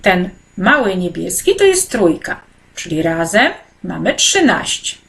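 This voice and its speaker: A woman teacher slowly guiding children through an online e-textbook lesson, speaking to them directly and often pausing on hesitant fillers. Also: on the low side, very animated, gravelly, a bit bright. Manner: slow and patient, with frequent hesitant "e" fillers. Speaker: primary school teacher.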